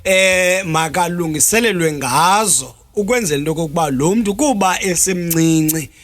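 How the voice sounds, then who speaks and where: Man, Xhosa accent, slightly high voice, explanatory interview talk, deliberate with hesitant pauses. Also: animated, a bit bright. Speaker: traditional healer interview guest.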